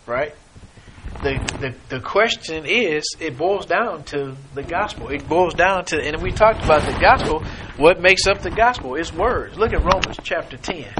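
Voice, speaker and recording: A man preaching a sermon, halting and searching for words, acting out the scripture quotes. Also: a little high, expressive. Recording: noisy recording.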